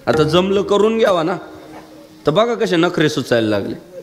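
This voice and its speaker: A man preaching a humorous kirtan sermon, telling a story and swinging his voice low and high to act out the people in it. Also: big pitch swings, moderate pace, slight background noise. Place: live kirtan gathering.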